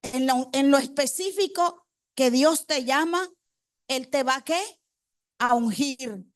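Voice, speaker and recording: A woman's voice: high voice, slow pace, dry recording, clean studio sound. A woman preacher delivering a congregational sermon. She quizzes the congregation with rhetorical questions and repeats key phrases for emphasis.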